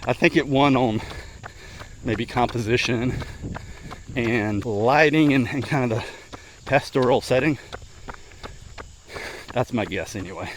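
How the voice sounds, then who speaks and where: A man's voice: medium pitch, measured pace, long pauses, a little hiss or hum, rough recording. Middle-aged man vlogging while running. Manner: talking while running, slightly effortful. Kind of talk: casual rambling vlog chat. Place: outdoors, on the move.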